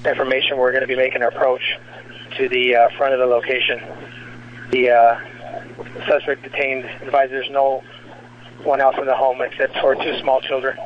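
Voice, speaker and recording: A man's voice: mid-range voice, monotone, normal speed. A man speaking as a police officer in clipped, coded procedural talk over a police two-way radio. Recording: muffled lo-fi scanner radio, faint noise.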